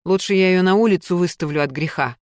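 A woman's voice: lowish voice, fast, no echo, studio quality, close to an everyday voice. A woman reading a story, voicing a blunt, plain-spoken female cleaner who grumbles in brusque colloquial speech.

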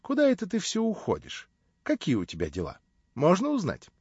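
A man's voice: high-pitched, wildly swooping pitch, a little fast, a little mellow, slightly rough, dry recording, voice pushed up, full character voice. A man voicing a jovial, roguish old friend who banters and teases. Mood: bantering. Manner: bantering, teasing. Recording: dull, dry recording.

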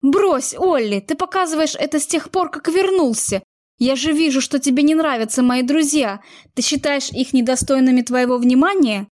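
A woman's voice: high-pitched, normal speed, a little mellow, no echo, studio quality, close to an everyday voice. A woman voicing a young woman in a heated argument with her partner, defensive and emotional. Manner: heated, pleading outbursts.

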